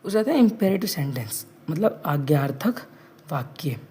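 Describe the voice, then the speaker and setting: A woman teacher giving an online class to children. She explains each point twice, keeps saying "okay", and reads example sentences slowly. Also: low voice, big pitch swings, warm tone, breathy edge.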